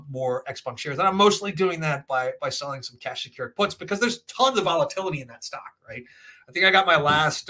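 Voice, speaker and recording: Bright-voiced man riffing on stream. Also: a little high. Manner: opinionated, rambling, often tagging points with "right?". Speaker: host of a financial Q&A livestream. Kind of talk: casual off-the-cuff commentary.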